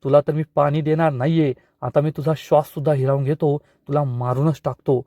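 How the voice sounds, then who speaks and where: Furious, threatening brother, shouting, read by a man with a mellow voice. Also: fairly high pitch, fairly even intonation, fairly quick, no room sound, natural voice. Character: angry young man, protective brother.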